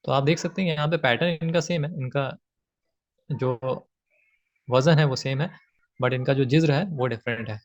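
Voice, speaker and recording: A man's voice: mid-range voice, normal speed, pauses often. A man teaching grammar from slides, patiently repeating his points with frequent fillers. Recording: slightly dull lo-fi audio.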